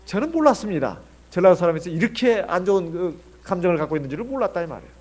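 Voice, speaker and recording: A man's voice: high-pitched, big pitch swings, racing. A middle-aged man from Jeolla preaching a sermon as pastor, chatty and full of rhetorical questions. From Jeolla, South Korea.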